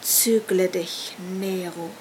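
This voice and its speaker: A woman voicing an old, scarred male cult leader who is a seer, speaking quietly and coldly, rising to forceful. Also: mid-range voice, little pitch movement, a little slow, slight background noise, close to an everyday voice, low-quality recording. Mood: warning.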